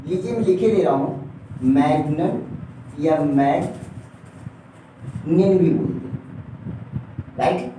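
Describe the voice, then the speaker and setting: A man's voice: high-pitched, moderate pace, long pauses, warm tone, far from the mic. A man teaches an exam-prep class, constantly tagging his points with a questioning "right?" and addressing his students fondly. His voice rings around a hard, very echoey room. The mic sits well away from him, with a faint hum underneath. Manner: keeps adding a questioning "right?" tag and calls the viewers dear children. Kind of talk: exam-prep lesson at a board.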